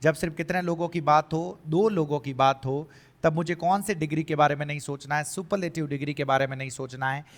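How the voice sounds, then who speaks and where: A man's voice: a little high, steady tone, fairly quick. Hindi-speaking male teacher in a reverberant room. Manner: asks questions and answers them himself, voices students' doubts. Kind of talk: exam-prep lesson.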